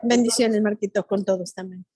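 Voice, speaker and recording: A woman's voice: medium pitch, steady tone, normal speed, mellow, a little hiss or hum. A woman taking part in a Bible study class, giving short, ready answers. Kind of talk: class discussion.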